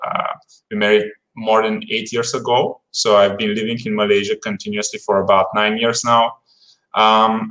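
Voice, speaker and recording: A man's voice: fairly low pitch, a bit bright, rough recording. A man in his thirties from Bulgaria, a guest on a casual livestream talk, speaking politely with many fillers and restarts over a video call.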